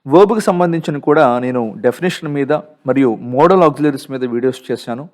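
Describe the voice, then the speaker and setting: A man with a Telugu accent walks through textbook grammar questions in a fairly high voice. He poses questions to his students, repeats the key rules and answers them himself. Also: quick pace. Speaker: English teacher.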